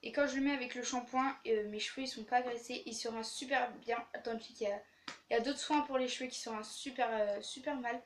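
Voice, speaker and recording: A woman's voice: a little high, fairly even intonation, fast, slight background noise. A young woman reviewing her used-up beauty products in casual chat, tired after a day of classes and stumbling over her words, filmed in her bedroom by an open window. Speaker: beauty vlogger. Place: bedroom facing an open window, street traffic outside. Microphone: handheld camera without tripod.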